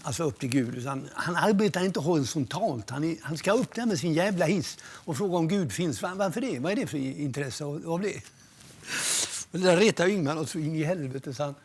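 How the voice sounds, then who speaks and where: An older man recalls his film-making days in a documentary interview, telling anecdotes with relish and plenty of swearing. His voice sits a little high, with a gravelly, husky grain. He slips into the voices of the people he quotes. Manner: lively storyteller, swears freely, acts out others' lines.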